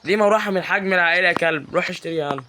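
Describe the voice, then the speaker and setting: A man's voice: high-pitched, rapid-fire, background noise. A man with an Egyptian Arabic accent giving live, teasing commentary while playing a game. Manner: excitable and teasing, yells at game characters. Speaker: gaming YouTuber.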